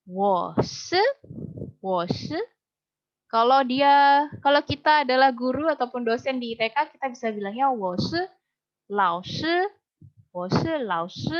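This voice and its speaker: A woman teaching a language class, patiently repeating words slowly for her students. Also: fairly high pitch, a bit bright. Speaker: Mandarin teacher. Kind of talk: online Mandarin lesson in Indonesian. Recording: dull lo-fi recording.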